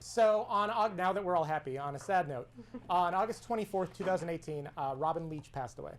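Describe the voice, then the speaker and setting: A woman's voice: lowish voice, expressive, a little fast, a little hiss or hum. A woman hosting a comedic cocktail show, chatty and explaining each step. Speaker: host.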